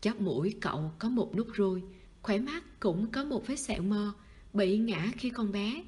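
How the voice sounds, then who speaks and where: A woman's voice: mid-range voice, lively intonation, a little slow, a little mellow. Woman narrating a spooky novel. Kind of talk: audiobook narration.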